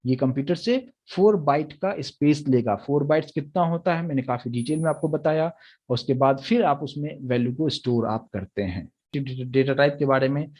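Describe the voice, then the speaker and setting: A man's voice: medium pitch, normal speed, darkish tone, highs cut off. A young man teaching a programming lecture, explaining step by step and often checking that the students follow. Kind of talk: recorded Hindi lecture on Java.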